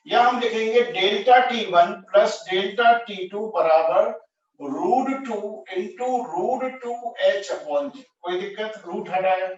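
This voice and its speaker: Male teacher, high voice, talks a problem through step by step, booming echo, far from the mic. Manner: thinks aloud, self-correcting, asks the class. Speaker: physics teacher. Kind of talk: explaining at a whiteboard. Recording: echoey, distant, dull lo-fi room sound.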